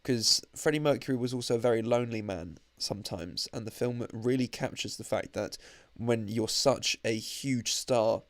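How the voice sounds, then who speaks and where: A man's voice: medium pitch, moderate pace, no echo. A young man with a slightly nasal voice from allergies, giving a chatty, enthusiastic podcast-style film review into his own microphone, with frequent fillers. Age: young adult. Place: indoors at a holiday stay.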